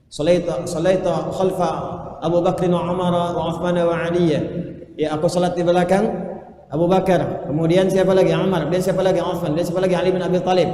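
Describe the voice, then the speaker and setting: Animated high-voiced preacher. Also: male voice, slight background noise. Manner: animated, quizzes the audience, chants Arabic phrases. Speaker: Islamic preacher. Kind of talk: lively sermon to a live audience. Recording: echoey hall, faint ambience.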